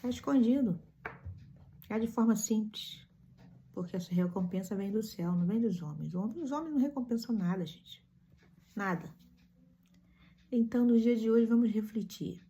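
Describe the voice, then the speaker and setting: A woman's voice: a little high, expressive, normal speed, long pauses, dark tone. A woman giving a morning devotional reflection, telling stories and asking the listeners rhetorical questions. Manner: emphatic storytelling with rhetorical questions.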